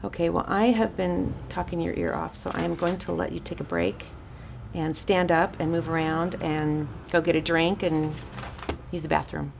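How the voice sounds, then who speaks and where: A woman with a raspy voice teaching a counseling workshop in a chatty, informal way, often restarting her sentences. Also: sits low, expressive, normal speed, a little hiss or hum. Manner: chatty, warm-hearted asides with frequent restarts and fillers. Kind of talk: informal teaching talk to a small group.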